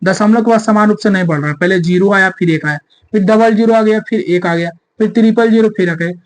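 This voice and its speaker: A man's voice: high voice, brisk. A male maths teacher explaining a lesson step by step, asking the class rhetorical questions and repeating key points. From India.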